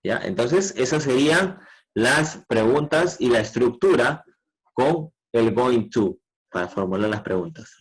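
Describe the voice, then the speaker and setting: A man teaching a grade-school English lesson, patiently explaining grammar and modeling English sentences slowly. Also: medium pitch, husky, low-quality recording. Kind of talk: online class explanation.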